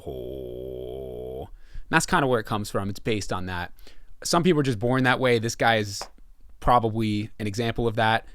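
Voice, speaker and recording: A man who is a vocal coach, giving an enthusiastic, casual reaction commentary full of "like" fillers. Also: medium pitch. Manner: enthusiastic, lively, frequent "like" fillers, bursts of singing demonstrations.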